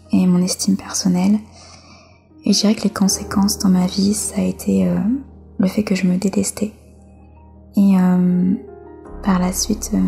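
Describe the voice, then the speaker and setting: Faint music plays as a French woman, interviewed as a guest, recounts personal testimony. Her mid-range voice is gravelly and fry-laden, staying fairly even as she speaks reflectively and pauses hesitantly.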